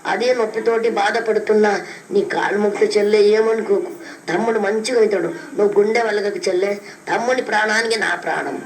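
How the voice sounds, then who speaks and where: A woman's voice: mid-range voice, brisk. A woman spiritual teacher, giving fervent devotional blessings and repeating phrases over and over. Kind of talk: devotional blessing, repetitive chanting. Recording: echoey room with faint background noise.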